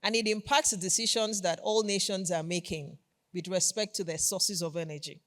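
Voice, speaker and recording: The voice is that of a company executive with a Nigerian accent, mid-range in pitch. The delivery is a formal keynote address, full of polished corporate enthusiasm. Important phrases are stressed and often repeated for weight. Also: fairly even intonation, normal speed, fairly bright tone. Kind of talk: formal conference keynote speech.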